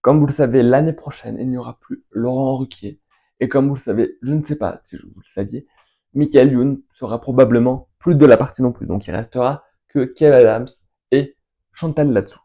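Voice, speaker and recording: A young man chatting casually as host, answering questions in an enthusiastic, rambling way and listing names between pauses. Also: medium pitch, highs cut off. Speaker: fan video host answering viewer questions. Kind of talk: casual chat.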